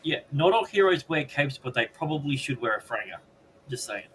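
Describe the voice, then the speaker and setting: A man with an Australian accent hosting a live podcast, reading chat messages aloud and making crude, deadpan jokes. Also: medium pitch, a little fast, a loud crowd. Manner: crude joking, deadpan asides. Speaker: podcast host.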